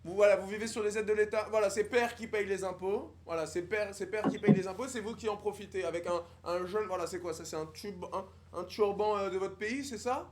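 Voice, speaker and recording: A man's voice: high voice, a little fast, few pauses, darkish tone, close to an everyday voice. A young man livestreaming, putting on a haughty, snobbish young posh man who mocks strangers in affected formal speech. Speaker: livestreamer on a video chat app. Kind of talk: improvised character roleplay with strangers.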